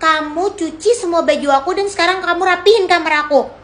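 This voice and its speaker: A woman's voice: very high voice, a little fast. A woman playing a bossy, sneering young woman. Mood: scornful. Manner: demanding, mocking and sharp. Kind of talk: homemade dramatized story.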